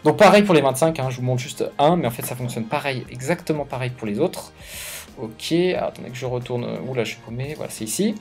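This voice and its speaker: A man's voice: mid-range voice, animated, fast, soft background music. A man hosting a casual coding tutorial, thinking aloud with hesitations and self-corrections in an informal, slangy way. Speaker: YouTube tutorial host.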